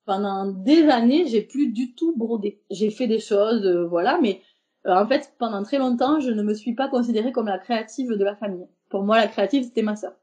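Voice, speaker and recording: Une femme invitée d'un podcast, qui parle de façon décontractée et hésitante, avec beaucoup d'hésitations et de reprises. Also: female voice, fairly high pitch, a little fast, warm tone. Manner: hesitant, many fillers and restarts. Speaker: podcast guest, embroiderer. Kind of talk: casual interview talk.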